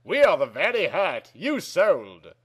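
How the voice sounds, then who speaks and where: A man giving a dramatic reading of verse, theatrical and emphatic, with drawn-out phrases and shifts between loud and hushed. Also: fairly high pitch, wildly swooping pitch, breathy edge. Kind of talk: dramatic reading of song lyrics.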